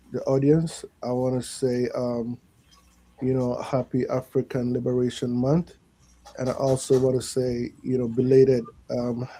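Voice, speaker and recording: A man from Ghana, a professor answering interview questions in a measured way with many pauses and ums. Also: mid-range voice, dark tone, rough recording. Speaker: guest professor.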